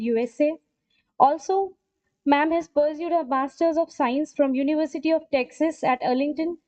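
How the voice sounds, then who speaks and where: A woman's voice: sits high, a little mellow, highs cut off. A woman anchoring a conference session, formally reading out a speaker's biography. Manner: formal, reads a biography aloud. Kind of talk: formal scripted introduction. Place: college conference hall.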